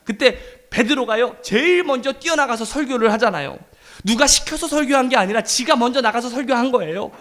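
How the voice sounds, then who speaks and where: A middle-aged male pastor giving a sermon in a lively, conversational way, acting out quoted lines. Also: very high voice.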